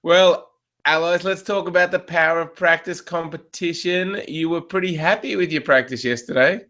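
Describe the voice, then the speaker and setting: A man's voice: fairly high pitch, moderate pace, bright, forceful tone. A man with an Australian accent hosting a table tennis question show, friendly and easygoing in casual chat. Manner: friendly, easygoing, scripted intro then banter. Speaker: show host.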